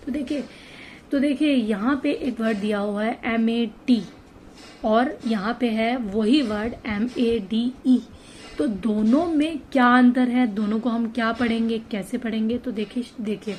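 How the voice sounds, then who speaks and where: Patient woman teaching kids, high-pitched. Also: darkish tone, slight background noise. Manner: patient, repeats and stretches example words. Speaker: children's English teacher. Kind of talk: explaining lesson to kids.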